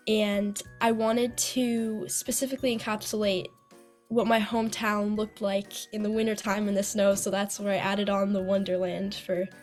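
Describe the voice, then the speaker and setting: A woman's voice: mid-range voice, little pitch movement, normal speed, darkish tone, soft background music. A teenage girl from the United States, answering interview questions earnestly, some answers sounding prepared. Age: teens. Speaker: young composer guest.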